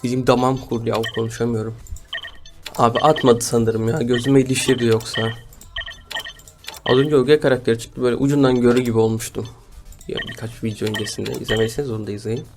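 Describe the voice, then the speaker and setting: Over background music, a male gaming YouTuber chats with his viewers while commenting on his gameplay, grumbling and laughing about his bad luck. His voice is medium-pitched and level in tone, and he talks fast.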